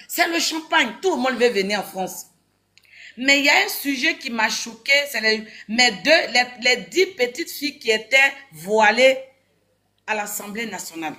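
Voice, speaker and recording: A woman's voice: fairly high pitch, pushed and bright. A woman from Ivory Coast giving a heated, insistent opinion on a talk show, repeating her phrases.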